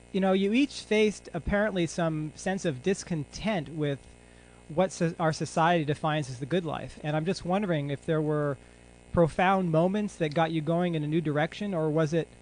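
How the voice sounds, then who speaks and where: Male host, fairly high voice, friendly measured questions. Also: low-quality recording. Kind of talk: interview questions.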